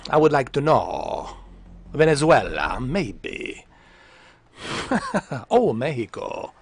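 Speaking slowly in a husky, medium-pitched voice with huge swings in pitch, this thirtysomething man gives casual gameplay commentary from home. He teases and jokes with his chat and swears along the way, and his large foam headset mic records with no echo.

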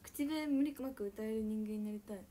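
A young woman with a high, bright voice and a chats casually with viewers on her livestream. She is bubbly and giggly, and she talks loudly. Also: a little fast, slight background noise. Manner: giggly, bubbly, frequent laughter; self-describedly loud voice. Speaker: idol livestreamer. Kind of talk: casual chat reading viewer comments.

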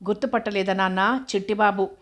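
A woman's voice: medium pitch, fairly even intonation, quick pace, close to an everyday voice. A woman reading as a dutiful grown son. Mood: earnest. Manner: gentle, coaxing.

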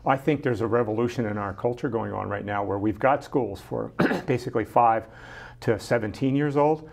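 With a bit of vocal fry in his mid-range voice, a middle-aged guest on a studio show talks casually at a normal speed about the science center he runs. He's recorded on a lapel mic, gestures a lot, and keeps restarting sentences with plenty of ums.

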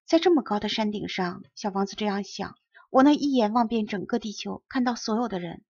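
A woman narrating a children's story as an audiobook reader, with clear, even storytelling. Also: medium pitch, a little fast, no echo. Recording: dull lo-fi recording.

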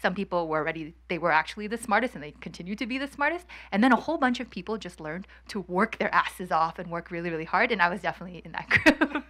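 A woman from Hong Kong, in her thirties, speaks candidly and laughs easily as a guest on stage. Her voice sits a little low yet sounds bright and forward. She holds a handheld mic at an outdoor courtyard event. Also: animated. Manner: candid, quick laughs, chatty. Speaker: guest investor. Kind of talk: fireside chat on stage.

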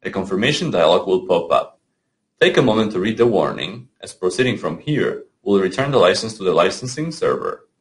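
Low, lively man explaining software steps. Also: a little fast. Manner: clear step-by-step instruction with small slips. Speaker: software support instructor. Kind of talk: scripted tutorial voice-over.

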